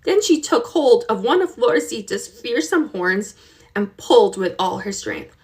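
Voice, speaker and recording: A woman reading a children's chapter book aloud with expressive, unhurried storytelling. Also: a little high. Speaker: reader.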